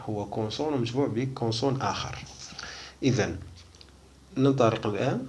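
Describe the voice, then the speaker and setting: A man with a Moroccan Arabic accent teaching a French lesson, slowly repeating syllables one at a time. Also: lowish voice, slight background noise. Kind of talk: recorded language lesson.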